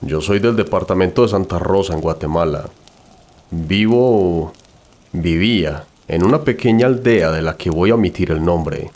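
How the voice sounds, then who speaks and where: At a moderate pace and with a slightly mellow quality, a deep-voiced man narrates a first-person horror story from a script.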